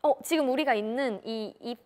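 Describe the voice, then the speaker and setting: A woman's voice: fairly high pitch, moderate pace, darkish tone. A young woman in casual conversation, encouraging and leading the talk with questions. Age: young adult. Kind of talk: casual chat.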